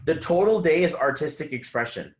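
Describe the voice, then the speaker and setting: A man's voice: on the high side, lively intonation, fairly quick. A man giving a numerology reading in a loose, rambling chat, full of fillers and restarts. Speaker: numerology reader, guest. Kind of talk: casual spiritual chat.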